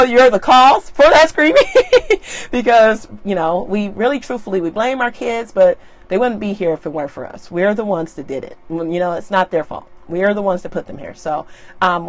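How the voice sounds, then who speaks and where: A middle-aged woman talking casually on a live stream into her tablet, chatty and often laughing. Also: mid-range voice. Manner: chatty and laughing, lively animated asides. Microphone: tablet mic.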